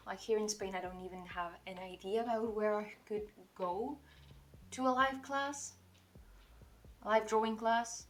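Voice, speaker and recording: A Portuguese artist livestreams a drawing session, chatting casually as she works. She talks fast at a medium pitch, rambling, often saying "like," and correcting herself.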